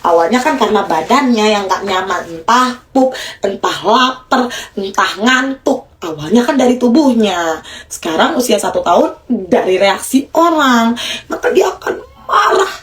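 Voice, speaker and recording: Lively woman giving parenting advice. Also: normal speed. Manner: lively, drops to a low soft voice to demonstrate. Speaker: parenting and child development educator. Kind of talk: casual advice talk to mothers.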